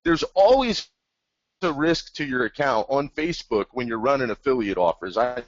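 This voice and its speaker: A man's voice: medium pitch, sing-song, moderate pace, dry recording. A man co-hosting a webinar, talking casually and enthusiastically in a rambling, plain-spoken way over an online call. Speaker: webinar co-host. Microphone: computer mic over an online call. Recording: dull, dry online call audio.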